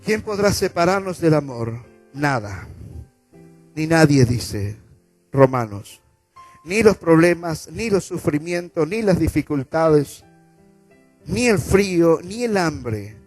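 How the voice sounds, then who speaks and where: In a church auditorium, a pastor with an Argentine Spanish accent preaches a sermon, repeating phrases for the congregation to say back. His voice is fairly high and darkish, very animated but slow, with frequent pauses over soft background music.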